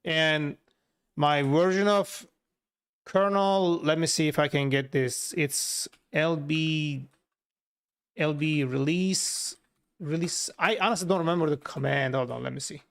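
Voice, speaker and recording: On the high side and steady in tone, this unhurried male voice belongs to a software developer from Turkey. A native Turkish speaker with a Turkish accent, he chats casually during a livestream as he works and replies to viewers.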